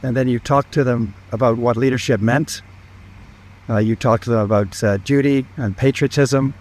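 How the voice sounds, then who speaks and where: A man's voice: medium pitch, fairly even intonation, normal speed, darkish tone. A man speaking directly to someone, earnestly recalling a shared memory. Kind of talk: addressing a person directly in remembrance.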